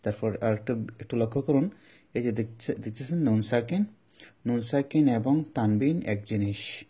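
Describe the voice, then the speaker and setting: A man with a Bangladeshi Bengali accent teaches Quran reading step by step, patiently explaining each recitation rule and repeating it several times. His Arabic examples are chanted and drawn out, and his mid-range voice is warm with a breathy edge.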